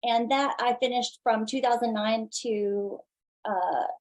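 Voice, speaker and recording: A woman from Mexico whose first language is Spanish, a designer speaking in a panel discussion with steady, measured talk. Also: on the high side, rough recording.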